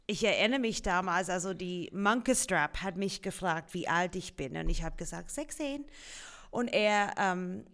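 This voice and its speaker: A woman's voice: lowish voice, unhurried. A woman in her forties from Australia with an Australian accent, a musical theatre performer telling stories in a casual interview, with simple non-native phrasing. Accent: Australian English. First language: English. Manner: lively storyteller, laughs often, simple non-native phrasing.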